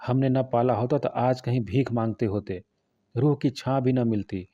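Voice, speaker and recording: A man voicing a fierce, sharp-tongued middle-aged village wife who scolds cuttingly, read in his own voice for an audiobook. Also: mid-range voice, steady tone, normal speed, highs cut off, close to an everyday voice. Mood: scolding.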